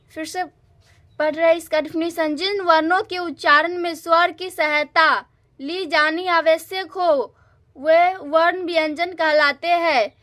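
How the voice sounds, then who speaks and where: A woman teaches a grammar lesson. Her voice sits very high, and she explains patiently, restating each definition and example more than once. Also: fairly bright tone.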